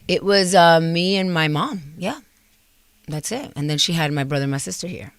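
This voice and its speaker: Dominican-born woman, low voice, dry sound. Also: normal speed, dry recording. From Dominican Republic. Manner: switches between English and Spanish, affectionate terms. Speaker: guest. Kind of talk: casual bilingual interview chat.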